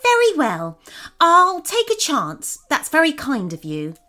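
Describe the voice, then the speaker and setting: A woman's voice: sits high, wildly swooping pitch, unhurried, voice pushed up, full character voice. Woman doing a glum, sighing young prince. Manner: quiet, sighing and self-doubting. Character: gloomy young male prince, soft-spoken and unsure.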